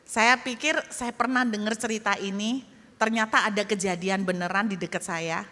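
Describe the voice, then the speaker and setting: A woman pastor preaching in a lively storytelling style, turning often to address her congregation directly. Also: medium pitch, moderate pace. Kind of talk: storytelling sermon. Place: church hall. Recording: echoey church hall.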